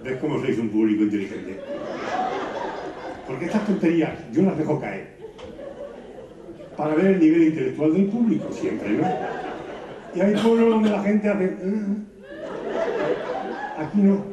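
Joking man on a distant roomy stage. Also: background noise. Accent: Spanish, from La Mancha. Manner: quick, animated joke-telling, jumping into high voices for the characters. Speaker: stand-up comedian. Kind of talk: live stand-up jokes before an audience. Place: stage in a hall. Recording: roomy, distant, dull live recording.

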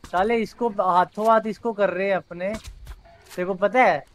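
A man's voice: high-pitched, steady tone, moderate pace, a little hiss or hum. A man playing a survival game with friends, bantering and teasing in casual chat. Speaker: fellow player.

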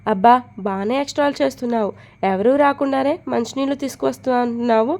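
A woman voicing a feisty, sharp-tongued young woman in a storybook reading, sassy and defiant. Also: a little high, fast talker, creaky.

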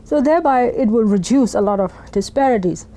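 A woman's voice: fairly high pitch, animated, a little fast, dark tone, rough recording. Earnest middle-aged woman advocate. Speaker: program coordinator. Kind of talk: documentary interview. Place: indoor office.

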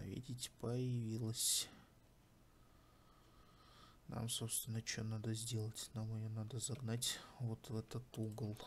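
A man with a lowish voice gives a casual tutorial, thinking aloud as he works. His delivery is unhurried and quite monotone. There is faint noise with keyboard clicks behind him. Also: creaky. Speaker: tutorial host.

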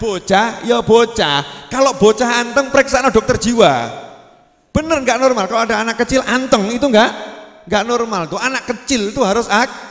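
A man preaching a sermon, asking the crowd questions and drawing out his words. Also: high voice. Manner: lively, asks the crowd questions and draws out words. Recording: long hall reverb.

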